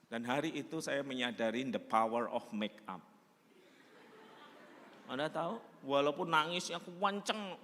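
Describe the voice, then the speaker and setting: A man's voice: mid-range voice, gravelly, fairly bright tone. A male pastor telling a story in a sermon with humor, acting out the people in it. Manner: humorous, acts out the dialogue in his story. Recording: reverberant hall.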